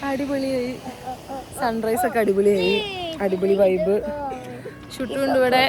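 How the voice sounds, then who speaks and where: A woman's voice: a little high, normal speed. A Malayali woman vlogging casually outdoors, mixing English words into her Malayalam. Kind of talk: casual vlog narration. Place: outdoors at a beach campsite. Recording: noisy outdoor ambience.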